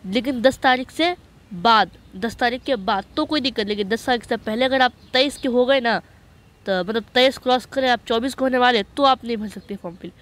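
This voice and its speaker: A man walking viewers through a job notice in a voice-over on a screen recording. He talks in a chatty way, keeps checking that listeners follow, and reads English passages slowly. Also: very high-pitched, a bit bright. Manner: chatty, repeats "okay" to check understanding. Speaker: online job-notice explainer.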